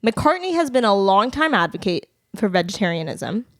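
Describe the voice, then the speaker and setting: A woman's voice: mid-range voice, sing-song, moderate pace, no echo. Podcast host: young woman, New Jersey accent, giggly and chatty, close dry sound. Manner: chatty, laughs often, giggly asides. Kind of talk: casual chat. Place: bedroom.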